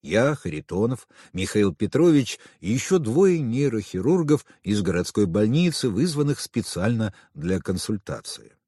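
A man reading a novel aloud in first person, with a dramatic, expressive delivery. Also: fairly low pitch, normal speed, few pauses, slightly rough, no room sound, studio quality. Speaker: audiobook narrator. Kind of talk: scripted first-person narration.

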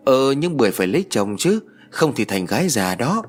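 A man's voice: mid-range voice, big pitch swings, normal speed, faint music behind. A man voicing a teasing young servant lad.

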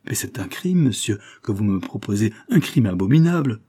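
A man reading an audiobook, voicing a frightened, harried woman in a soft, faltering way. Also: fairly low pitch, sing-song, moderate pace, husky. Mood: indignant.

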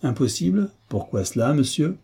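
A man voicing a proud young duke who speaks curtly and coldly, in an audiobook reading with a husky voice. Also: mid-range voice, expressive, moderate pace, warm tone, pitched above the performer's own voice. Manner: curt, cold.

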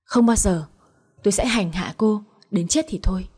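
A woman voicing a cold, vengeful husband who speaks harshly and with scorn, in a soft, somewhat breathy voice. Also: mid-range voice, normal speed, natural voice. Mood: furious. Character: cold, vengeful husband, a man in his thirties.

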